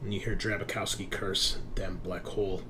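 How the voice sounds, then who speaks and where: A deep-voiced game master with little pitch movement speaks at normal speed while running a tabletop roleplaying game. He moves between conversational rulings and on-the-spot scene narration, and background noise is clearly present.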